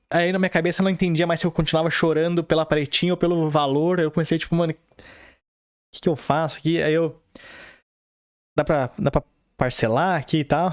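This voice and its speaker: A man's voice: on the high side, no room sound, clean studio sound. A man with a Brazilian accent, hosting a podcast and telling a personal story in a rambling, slangy way full of fillers and acted-out dialogue. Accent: Brazilian Portuguese. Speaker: podcast host. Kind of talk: casual storytelling.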